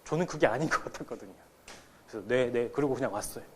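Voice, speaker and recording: A man's voice: mid-range voice, fast, a little hiss or hum. A man in his thirties, a pastor preaching a sermon in a conversational, storytelling way to his congregation. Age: 30s. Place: church sanctuary.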